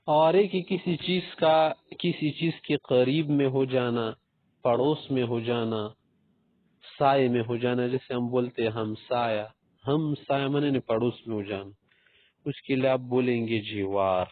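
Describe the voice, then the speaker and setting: Male teacher, slow patient drills, repeats words, tinny phone-like audio, dry. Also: medium pitch, no echo. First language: Urdu. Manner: slow, repeats example phrases for learners. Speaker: Arabic teacher. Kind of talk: language lesson.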